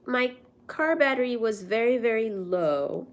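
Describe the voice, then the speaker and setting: A woman's voice: a little high, lively intonation, unhurried. A young woman from India, hosting a casual livestream and chatting with viewers while answering their messages. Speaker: livestream host.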